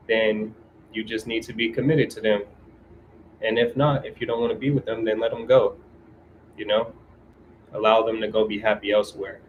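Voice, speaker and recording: A man's voice: on the low side, slight background noise, low-quality recording. A man from California in casual livestream chat, laid-back and slangy, reading viewer comments aloud and answering them. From California, USA.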